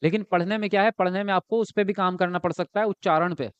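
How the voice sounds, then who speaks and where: A man's voice: sits high, fairly even intonation, fast, smooth, dry recording, highs cut off. A man teaching an exam-prep lesson, asking questions and answering them himself, often ending points with a checking tag.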